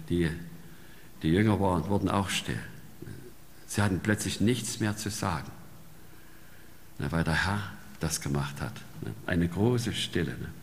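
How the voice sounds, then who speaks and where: A man's voice: deep voice, vocal fry, slight background noise. A man preaching a sermon in a conversational way, often ending sentences with a questioning "ne?". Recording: long reverb in a large hall.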